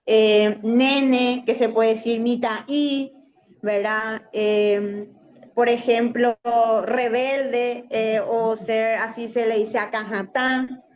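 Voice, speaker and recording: Speaking slowly with a steady tone and fairly high pitch, a Paraguayan woman answers radio interview questions as a guest Guaraní teacher. Her accent is Paraguayan Spanish, and she explains at length, often tagging "¿verdad?" onto her sentences.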